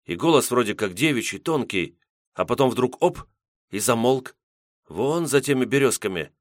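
A man reading an audiobook, voicing an eager young lad who talks in an excited hushed whisper. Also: mid-range voice, moderate pace, no echo, clean studio sound, pitched above the performer's own voice, close to an everyday voice.

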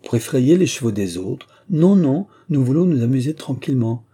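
A man reading aloud as a lively, teasing young Russian princess, in a raised playful voice. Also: medium pitch, slightly rough, pitched above the performer's own voice. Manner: playful, chattering, quick retorts.

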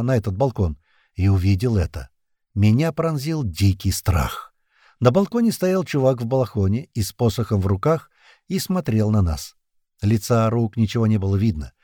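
Expressive male audiobook narrator. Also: mid-range voice, dry recording, studio quality. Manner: expressive, tense storytelling. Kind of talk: first-person audiobook narration.

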